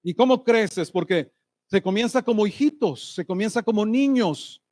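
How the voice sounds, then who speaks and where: A man preaching a sermon as pastor, lively and asking the congregation rhetorical questions. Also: high voice, moderate pace, no room sound. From Colombia. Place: church hall.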